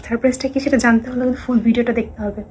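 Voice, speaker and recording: Home vlogger from Bangladesh, woman, mellow and a bit high, chatty with viewers. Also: level tone, very fast, slight background noise, poor audio. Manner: chatty, keeps asking viewers "okay?", hushed when sneaking. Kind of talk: casual vlog to camera. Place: home in Singapore.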